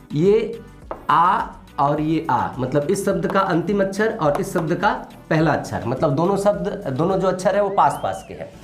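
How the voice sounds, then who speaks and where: A man teaching a grammar lesson, explaining step by step and checking in with the class after each point. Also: a little high. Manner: explains slowly, repeats a confirming tag often. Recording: echoey room, faint music.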